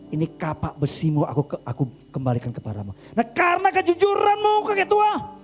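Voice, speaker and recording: Stern angel scolding an old man, preacher doing the voice, soft instrument behind. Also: very high voice, fairly quick, soft background music, pitched above the performer's own voice. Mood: solemn. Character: stern male angel, solemn then scolding.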